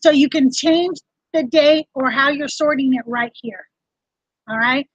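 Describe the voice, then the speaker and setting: A woman's voice: sits high, measured pace, no echo. A woman hosting a casual livestream tutorial, chatting straight to her viewers as she explains things. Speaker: reseller vlog host. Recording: dull lo-fi dry sound.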